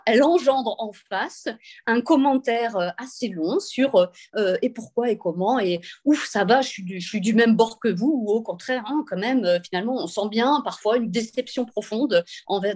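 A woman guest on a webinar panel, speaking hesitantly with many pauses and restarts. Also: a little high, a little mellow. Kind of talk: webinar talk. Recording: video call.

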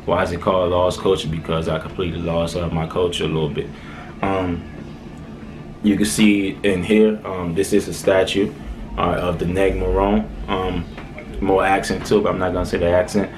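In a small room, this young man from Haiti, speaking with a faint Haitian accent, vlogs loosely to a camera placed near him. He talks at a moderate pace in a low voice with little change in pitch. His easygoing, meandering talk is sprinkled with "um" and "all right."

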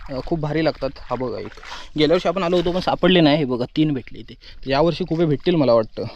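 A young man chats to viewers while out in the open countryside, his voice sitting slightly high. The audio is dull and muffled, as if from a handheld camera mic. A faint hum of nature runs behind him. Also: quick pace. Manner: chatty, addresses viewers directly, often drops to a soft murmur while handling finds. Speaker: vlogger. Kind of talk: casual outdoor vlog narration. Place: outdoors on an open rural plateau.

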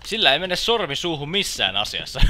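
A young man giving casual game commentary, swearing often and shouting English exclamations when excited. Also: mid-range voice, background noise. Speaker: lets play gamer. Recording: loud in-game gunfire. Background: game gunfire and clicks.

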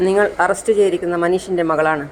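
Narrator doing a calm reassuring man. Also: medium pitch, racing, a little hiss or hum, lightly acted, rough recording. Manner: reassuring, polite.

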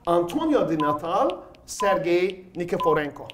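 A man's voice: sits high, sing-song, normal speed, heavy background noise. A middle-aged or older man hosting a quiz and telling stories in casual, conversational speech. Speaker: quiz show host. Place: studio table, indoors.

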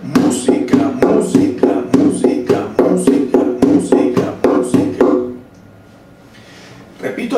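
A man teaching a guitar rhythm lesson, explaining and chanting beat syllables aloud. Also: high-pitched. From Colombia. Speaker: music teacher. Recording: echoey room, distant mic, clear background noise.

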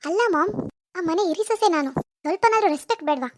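A woman's voice: very high-pitched, lively intonation, quick pace, no room sound. A woman voicing a spiteful, jealous young wife in a cartoon, whiny and scheming. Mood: bitter. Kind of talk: cartoon voice acting.

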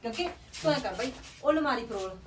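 Brief: high-pitched Punjabi-accented actress as a jealous sister-in-law, accusing and indignant. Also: female voice, lively intonation, fast, distant mic, noisy background, natural voice. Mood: scheming. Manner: accusing, then shrill and indignant. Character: scheming sister-in-law, jealous and sharp-tongued. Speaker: elder brother's wife in a family drama. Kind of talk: Punjabi short film acting.

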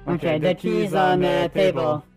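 A high-pitched man in his thirties calls out a game live over a headset microphone, jumpy and profane as he chatters to himself and his viewers. Faint music plays underneath. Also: a little slow. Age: 30s. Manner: excitable, swearing, talks to himself and chat. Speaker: streamer. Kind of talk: gaming livestream commentary. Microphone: livestream headset mic.

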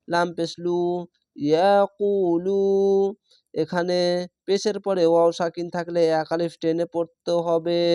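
Brief: male recitation teacher, high clear voice, spells letter by letter, stretches words. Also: a little mellow, no room sound, studio quality. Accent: Bangladeshi Bengali. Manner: slow, spells each letter and vowel, drawn-out chanted readings. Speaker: Quran reading teacher.

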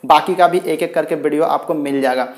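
A man's voice: fairly high pitch, fairly even intonation, brisk. A young man giving a chatty video lecture on poetry to students, often saying "guys" and "okay". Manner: chatty, repeats "theek hai" and "guys" often. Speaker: English literature teacher.

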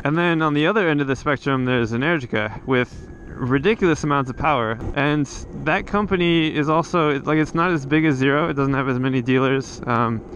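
A man's voice: medium pitch, a little fast, hardly any pauses, a bit bright, highs cut off, a little hiss or hum. A man talking casually while riding a motorcycle, rambling with lots of restarts and fillers, recorded on a helmet camera. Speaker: motovlogger. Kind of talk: casual riding vlog monologue. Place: riding a motorcycle outdoors on a coastal road.

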